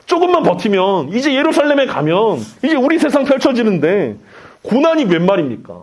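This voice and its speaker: A pastor acting out an agitated male disciple who confronts his teacher in a low, pressing voice. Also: animated, a little fast, husky. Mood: indignant.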